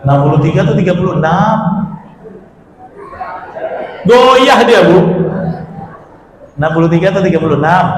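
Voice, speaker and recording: A man's voice: sits high, noisy background. A man preaching, running a joking quiz with the congregation and teasing and calling out to the crowd in a mosque hall. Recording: echoey hall, faint room ambience.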